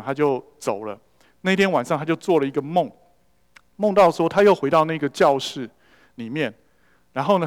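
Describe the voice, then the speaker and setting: Preacher in an echoing hall. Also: male voice, fairly high pitch, clean tone. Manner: storytelling preacher who mixes in English words. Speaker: pastor. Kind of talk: sermon. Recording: long reverb of a large hall.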